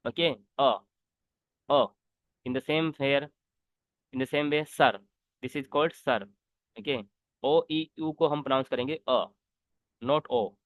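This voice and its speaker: Slow man teaching French. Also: mid-range voice, dry recording. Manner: slow, repetitive teaching, mixing English and Hindi. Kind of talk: online language lesson.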